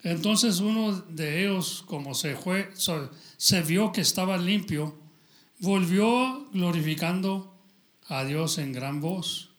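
Slow, high-voiced preacher. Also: male voice. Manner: halting, stumbles while reading aloud; addresses listeners as brother. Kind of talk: sermon with scripture reading.

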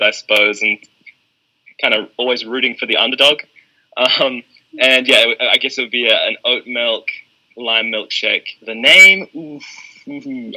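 A man's voice: mid-range voice, low-quality recording. A man with a New Zealand accent, a guest talking thoughtfully in a podcast interview. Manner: relaxed, thoughtful, many ums.

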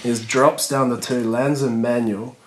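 A man's voice: mid-range voice, fairly even intonation, normal speed, rough recording. A man, a skateboarder chatting as a podcast guest in a laid-back, rambling way full of fillers. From New Zealand. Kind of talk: casual podcast chat.

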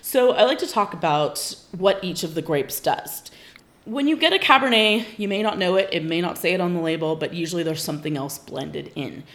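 A woman's voice: on the low side, expressive, fairly quick, fairly bright tone. A woman from Northern California, a winery guest on a casual podcast, explaining things patiently and informatively with frequent ums.

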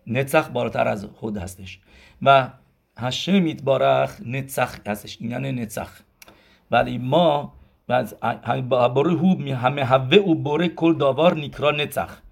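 A man's voice: mid-range voice, gravelly. A man teaching a religious lesson as a rabbi, explaining step by step and asking questions that he answers himself. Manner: explanatory, counts gematria aloud, asks and answers himself. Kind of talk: Torah lesson in Persian.

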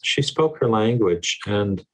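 A man's voice: on the low side, lively intonation, slow, poor audio. A man speaking as a guest educator in an interview, emphatic and repeating words for stress. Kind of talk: earnest conversational interview.

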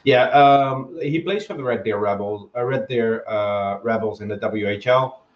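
A man's voice: lowish voice, a little slow. Man on an echoey, muffled line. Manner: hesitant, many ums and restarts. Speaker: guest analyst. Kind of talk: casual hockey podcast chat. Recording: echoey, dull lo-fi remote audio.

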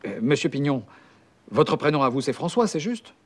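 An actor playing an impatient, scheming, sarcastic man in film dialogue, brisk and condescending. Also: fairly high pitch, very animated.

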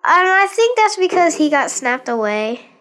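Female co-host, high pitch, hesitant casual movie chat. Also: big pitch swings, fairly bright tone. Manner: halting, full of fillers and restarts. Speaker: podcast co-host.

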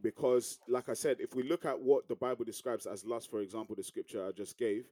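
A man's voice: medium pitch, fairly even intonation, brisk, mellow, no echo, clean studio sound. A young man, talking casually as a podcast co-host. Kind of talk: casual chat.

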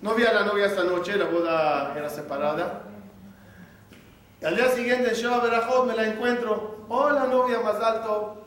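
A man, a rabbi, telling a story in a sermon, acting out the dialogue with lively energy. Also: sits high, normal speed. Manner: animated storytelling, acts out dialogue. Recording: echoey room from a distant mic, faint noise.

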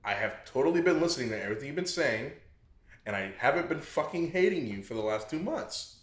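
Young dude cohost, dry deadpan teasing, mid pitch voice, roomy echo. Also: male voice, a little fast. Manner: dry, teasing deadpan with sudden excited storytelling. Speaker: podcast co-host. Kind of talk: casual chat. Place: indoor podcast room. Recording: echoey room.

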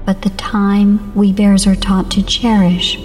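A woman voicing a brave, calm young female bear who answers a villain in soft but clear, steady verse. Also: mid-range voice, takes it slowly, soft background music, close to an everyday voice. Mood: resolute.

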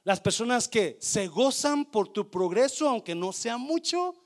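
A man preaching a sermon as pastor, animated, swinging between loud exhortation and quiet asides, mixing English phrases into his Spanish. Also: extremely high pitch, unhurried.

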